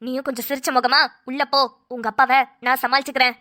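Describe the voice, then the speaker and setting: A no-nonsense cartoon mother gives orders with fond firmness, as a woman puts her on. Her voice is high and bright, and she talks briskly. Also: flat delivery, dry recording, studio quality. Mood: commanding. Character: bossy, caring middle-aged mother-in-law. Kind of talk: cartoon voice acting.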